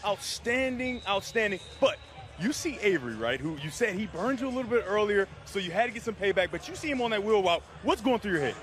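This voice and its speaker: A man's voice: high voice, very animated, fast, a bit bright, faint music behind. Chatty male sideline football analyst. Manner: conversational, explanatory, keeps asking "right?". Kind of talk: football color commentary.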